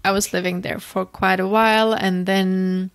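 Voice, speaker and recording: A Czech woman in her thirties with a Czech accent, hosting a podcast and telling her personal story in a reflective, gentle way, often restarting and repeating phrases. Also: mid-range voice, little pitch movement, normal speed, vocal fry, no echo. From Czech Republic. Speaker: podcast host.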